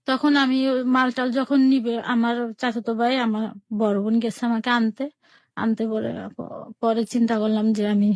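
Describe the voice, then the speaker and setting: Talkative Bangladeshi woman, high dry voice. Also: dry recording. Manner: plain spoken, repeats herself, retells each exchange in quotes. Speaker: caller telling her life story. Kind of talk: personal storytelling on a radio call-in show.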